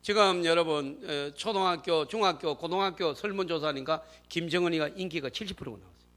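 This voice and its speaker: A man preaching a sermon as pastor, moving between quiet asides and loud, shouted exhortations. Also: fairly high pitch, brisk. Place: church sanctuary.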